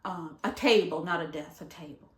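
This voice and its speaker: A woman vlogger telling a story from her school days in a casual, animated way, jumping high in pitch when she quotes people. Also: normal speed, roomy sound.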